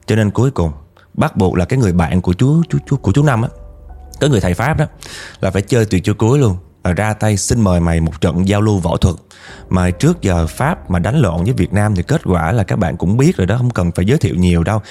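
A man casually telling a ghost story to his viewers, his voice climbing when he quotes angry outbursts. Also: quick pace. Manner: animated, rises in pitch when quoting angry speech.

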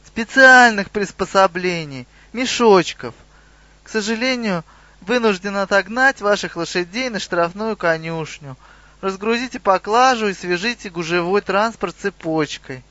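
A man's voice: high voice, unhurried, fairly bright tone, no room sound, dull audio, pitched above the performer's own voice. A man voicing a young male centaur sergeant, officious and formally polite in a raised voice. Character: young muscular male centaur sergeant, smug petty bureaucrat.

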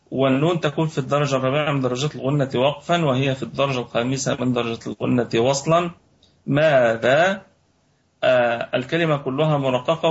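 A man from Egypt teaching Quran recitation rules, explaining slowly and repeating words to show how they are pronounced. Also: medium pitch, gravelly. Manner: measured, repeats words to demonstrate pronunciation. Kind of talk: tajweed lesson, slow explanation. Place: online voice chat room. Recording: lo-fi online voice chat audio.

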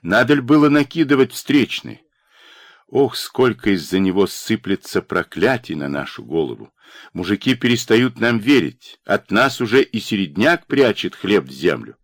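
A man's voice: on the low side, very animated, moderate pace, no echo. A male reader voicing a worried village official who protests in a pained way, in a dry studio recording.

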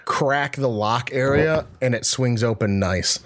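A man acting as game master, describing scenes in a relaxed, chatty way. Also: mid-range voice, noisy background. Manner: relaxed, descriptive, quick asides. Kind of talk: narrating a tabletop game.

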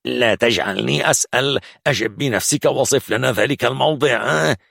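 A man voicing a harsh, threatening armed gangster interrogating a captive, in a gravelly, raspy voice. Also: fairly low pitch, very animated, normal speed, fairly bright tone, no room sound, studio quality, full character voice. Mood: angry. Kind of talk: audiobook narration.

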